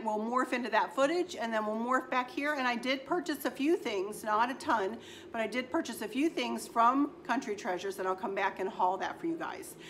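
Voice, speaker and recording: A woman, chatting warmly to viewers in a home vlog from her kitchen and often repeating words for emphasis. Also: on the high side, slight background noise. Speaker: vlogger.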